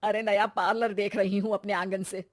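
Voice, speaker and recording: A woman voicing an older mother-in-law in a cartoon moral story, who speaks loudly in brisk questions. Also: mid-range voice, level tone, lightly acted. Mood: knowing. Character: older mother-in-law, sharp-eyed and blunt.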